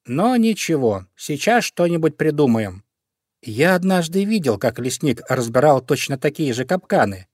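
A man voicing a clever, bossy small male animal in a storybook, giving orders briskly. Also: a little high, very animated, no room sound, clean studio sound, pitched above the performer's own voice. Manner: brisk, commanding.

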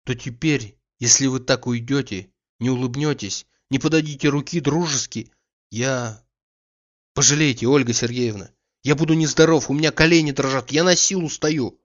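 A man reading an audiobook, voicing a timid, remorseful gentleman who pleads earnestly and hesitantly. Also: mid-range voice, normal speed, highs cut off, lightly acted. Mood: pleading.

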